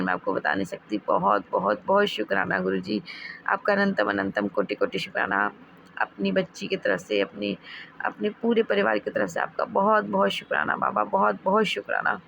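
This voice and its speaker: A woman's voice: medium pitch, a little fast, creaky, fairly bright tone, dull audio, a little hiss or hum. A woman sharing devotional experiences in a rambling way, with many restarts and fillers. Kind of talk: devotional testimony talk.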